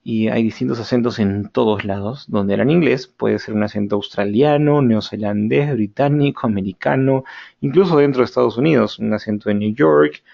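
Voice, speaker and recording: A male English teacher explaining grammar and pronunciation in a recorded lesson, switching between Spanish and English, slowing down to model words and often checking in with "ok?". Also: medium pitch, creaky. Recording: dull lo-fi recording.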